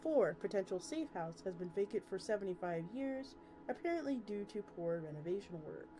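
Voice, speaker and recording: A woman VTuber with an expressive, mid-range voice talks fairly quickly, reading a story with acted dialogue and casually chatting with her audience. Music can be heard behind her.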